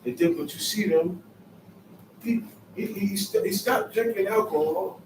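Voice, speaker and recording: A man's voice: high voice, measured pace, noisy background. A man giving a Sabbath scripture lesson, emphatic and repetitive, in casual street phrasing. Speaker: Bible teacher. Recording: echoey room, mic far off, faint ambience.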